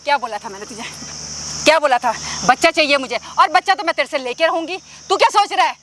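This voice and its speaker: A woman's voice: high-pitched, fast talker, fairly bright tone, a little hiss or hum. A woman playing a pushy scheming mother-in-law. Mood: demanding. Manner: pushy, taunting, insistent. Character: scheming middle-aged mother-in-law, brazen and domineering. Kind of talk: amateur skit acting.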